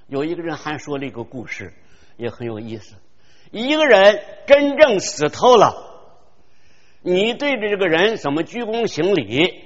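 An older man preaching a sermon, earnest and storytelling, slowing down to stress key phrases, in a dull recording with long hall reverb. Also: a little high.

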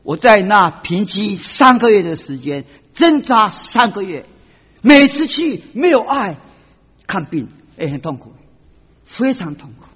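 A man preaching a sermon, emphatic and animated, acting out the people he quotes. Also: high-pitched, measured pace, breathy edge. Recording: dull lo-fi recording with long hall reverb.

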